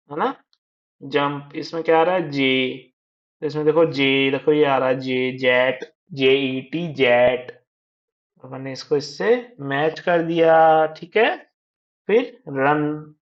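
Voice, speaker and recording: Man teaching small children, slow and patient, drags out each word to repeat; dull lo-fi audio. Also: on the high side. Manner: slow drawn-out repetition of words for children. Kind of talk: children's lesson. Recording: dull lo-fi sound.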